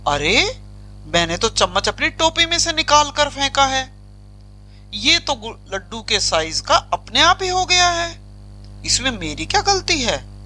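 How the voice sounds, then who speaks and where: A woman's voice: sits high, big pitch swings, a little slow, bright, forceful tone, soft background music, voice pushed up, full character voice. A woman voicing a teasing male magician who scolds in a chiding, matter-of-fact way. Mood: offhand.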